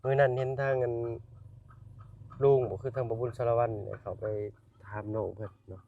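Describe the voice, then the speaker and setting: A man's voice: medium pitch, brisk, gravelly, phone-quality sound. A man with a northeastern Thai Isan accent narrating a casual vlog outdoors in a village, chatting with the people he meets and addressing his viewers as brothers and sisters. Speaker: vlogger. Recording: dry sound, voice at a distance from the mic.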